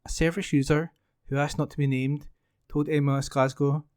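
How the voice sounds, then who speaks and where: A man reading newspaper articles aloud as a volunteer, in a clear, formal delivery. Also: on the high side, flat delivery, normal speed, a little mellow, no echo, clean studio sound.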